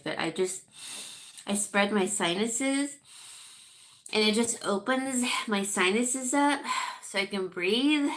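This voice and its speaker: A middle-aged Californian woman with a medium-pitched, fairly bright voice hosts a casual livestream, rambling and chatting with viewers and reading their comments aloud. She sounds a bit congested and keeps sniffling.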